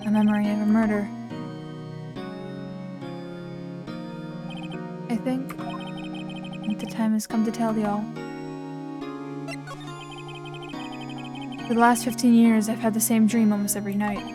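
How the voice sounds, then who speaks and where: A woman's voice: little pitch movement, a little fast, over loud music, close to an everyday voice. A woman reading a haunted young prosecutor. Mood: troubled. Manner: quiet, low-key confessional reading. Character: composed young male prosecutor, haunted by guilt. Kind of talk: reading game dialogue aloud.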